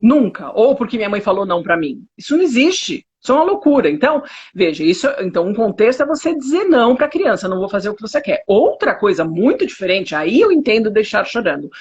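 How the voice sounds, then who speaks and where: Brazilian woman psychotherapist, husky and high-ish voice, emphatic and indignant, lo-fi audio. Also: very animated, fast, hardly any pauses, a little mellow. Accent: Brazilian Portuguese. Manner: emphatic, indignant, rhetorical questions. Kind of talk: conversational interview. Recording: dull lo-fi audio.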